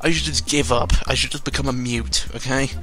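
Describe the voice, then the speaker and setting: This gaming video creator's mid-range voice comes across brisk, steady, pushed and bright. Over background music, he rambles through unscripted, sweary, self-deprecating gameplay commentary.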